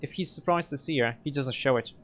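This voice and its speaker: A man's voice: medium pitch, fast talker, fairly bright tone. A man playing through a story game, reading the text aloud and adding casual remarks. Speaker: let's player.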